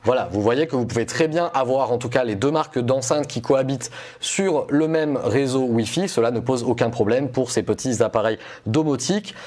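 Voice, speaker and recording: A man's voice: medium pitch, moderate pace, a little mellow. A man explaining and reviewing gadgets to his viewers in a casual, explanatory way. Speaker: tech reviewer presenting a video test.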